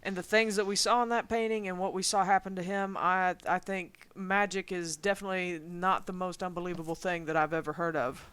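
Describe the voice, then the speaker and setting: A woman playing her character in a tabletop game, talking thoughtfully and deliberately. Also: lowish voice, fairly even intonation, fairly bright tone, clean tone, dry recording. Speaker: player. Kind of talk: in-character tabletop role-play.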